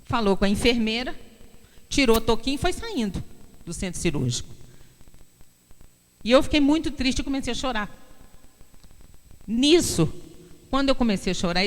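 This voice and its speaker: A woman giving an emotional testimony at a church service, acting out the people in her story. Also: on the high side. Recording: echoey hall, long reverb.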